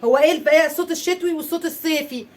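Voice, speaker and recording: A woman with an Egyptian accent playing a loud, sarcastic wife in a comedy sketch, ranting in rapid bursts. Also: high voice, slight background noise. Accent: Egyptian Arabic.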